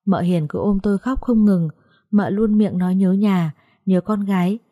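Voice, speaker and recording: A woman reading a ghost story aloud in a steady, measured storytelling voice. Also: mid-range voice. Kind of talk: scripted narration of a ghost story.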